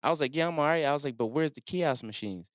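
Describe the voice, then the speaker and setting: A man telling a long personal story in a relaxed, slangy way, acting out what people said. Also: a little high, quick pace, dry recording, clean studio sound. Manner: laid-back slangy storytelling, acts out quotes. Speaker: guest telling his story. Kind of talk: casual storytelling.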